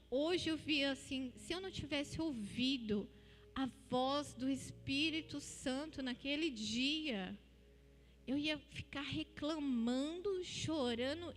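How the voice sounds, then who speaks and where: A woman from Brazil giving an earnest, emotional spoken testimony in a church, retelling her story with repeated phrases. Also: high-pitched. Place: church hall. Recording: long hall reverb with faint music.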